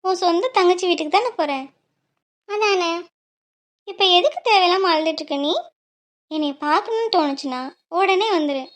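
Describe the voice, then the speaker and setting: A woman's voice: very high-pitched, lively intonation, normal speed, long pauses. A woman voicing a cheeky, loving young bride in a cartoon. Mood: cheeky, soothing. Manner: cheeky, bubbly. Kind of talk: cartoon voice acting.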